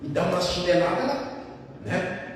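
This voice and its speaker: Male preacher, very high voice, emphatic and repetitive, recorded far off in a reverberant church hall. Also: big pitch swings, normal speed. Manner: emphatic, repeats phrases, addresses listeners as brothers. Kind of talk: sermon. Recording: echoey hall, distant mic.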